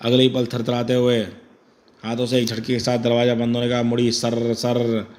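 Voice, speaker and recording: A man's voice: medium pitch, monotone, moderate pace, a little mellow. A man narrating a horror comic with dramatic emphasis.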